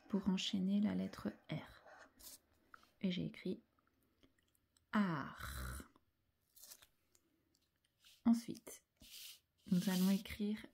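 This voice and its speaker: A woman teaching young children handwriting, talking slowly and carefully, sounding out each letter and syllable and often dropping to a soft half-whisper. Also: mid-range voice, creaky, husky.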